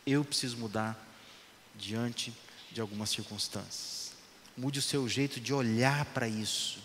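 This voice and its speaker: A man's voice: medium pitch, unhurried. Emphatic preacher man. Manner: emphatic, repetitive, rising and dropping to hushed lines. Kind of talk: sermon. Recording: echoey hall, faint noise.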